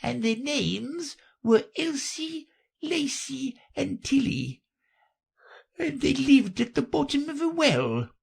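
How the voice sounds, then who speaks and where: A reader voicing a sleepy, feeble little male dormouse from a children's storybook, with a hoarse, drowsy, faltering voice. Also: sits high, very animated, slow, voice pushed up, full character voice.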